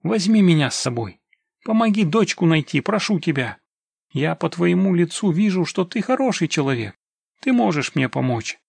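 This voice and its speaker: A man's voice: a little high, animated, unhurried, vocal fry, dry recording, heavily acted. A man voicing a desperate middle-aged mountain man who pleads and wails for help finding his daughter. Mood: pleading. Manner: pleading, wailing.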